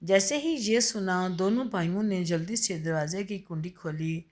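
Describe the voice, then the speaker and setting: A woman narrating a story in an earnest, gently dramatic way. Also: lowish voice.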